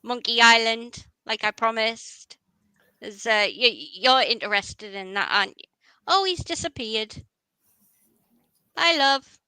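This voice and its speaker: A woman's voice: a little high, animated, slow, pauses often, bright, forceful tone, clean tone, no room sound, poor audio. A woman hosting a casual livestream, chatty and rambling, often restarting her sentences. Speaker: livestream host.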